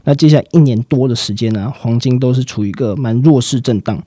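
A man explaining market outlooks in a fast, explanatory way, with frequent fillers and sentence-final particles. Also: mid-range voice, mellow, husky, no room sound. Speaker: market analyst guest. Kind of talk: financial commentary chat.

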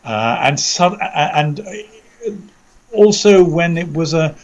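A man with an English accent giving conversational news commentary over an internet call, measured and articulate, often repeating words as he searches for the next. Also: on the high side, expressive, highs cut off. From Britain. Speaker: commentator, co-presenter. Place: indoors under a roof, remote audio call.

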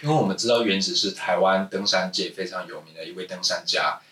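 A Taiwanese-accented man hosting a podcast with quick, teasing questions. His lowish voice has a bright, forceful edge. He sounds roomy and a bit distant from the microphone. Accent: Taiwanese Mandarin. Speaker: podcast host. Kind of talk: casual interview. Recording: roomy, set back from the mic.

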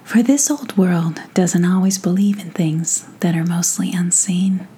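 A woman reading a bedtime story aloud with soft, half-whispered narration. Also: fairly low pitch, a little slow, breathy edge.

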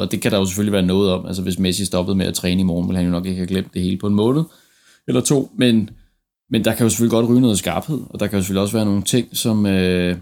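A man's voice: sits low, vocal fry, a little mellow. A man hosting a casual football discussion, tentatively circling around his points. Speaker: football podcast host.

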